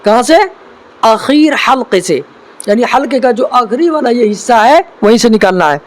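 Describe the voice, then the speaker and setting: Man, Quran teacher, beginners' lesson, slow drawn-out letters, patient questions, high pitch. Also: expressive. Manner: draws out each letter slowly, then explains with questions.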